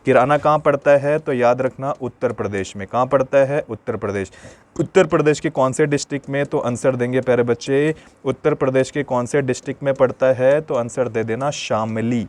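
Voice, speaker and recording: A male teacher leads an exam-prep lesson in a brisk, medium-pitched voice with a darkish tone. He quizzes his pupils, answers his own questions, repeats memory tricks, and addresses them as "dear children."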